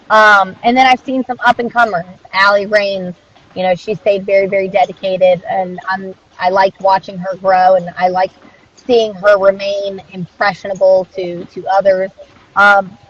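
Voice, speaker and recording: A woman speaking as an interviewed dog trainer in a casual conversational style, earnest and reflective in an informal way. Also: mid-range voice. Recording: dull, muffled lo-fi audio.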